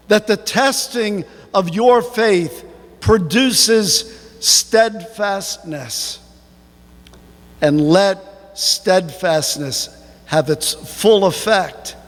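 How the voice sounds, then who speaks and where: A man preaching a sermon as pastor, slow and emphatic, with sudden rises in pitch. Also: big-room sound. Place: church sanctuary.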